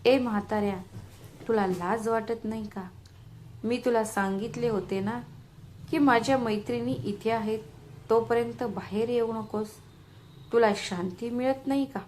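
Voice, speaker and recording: A woman's voice: on the high side, unhurried, darkish tone, lightly acted. Woman doing a haughty scheming daughter-in-law. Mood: scornful. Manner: falsely sweet, then hissing and scornful.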